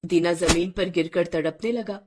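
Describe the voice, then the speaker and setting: A woman narrating an animated folk story in a dramatic, expressive storytelling style. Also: fairly low pitch, moderate pace, noisy background.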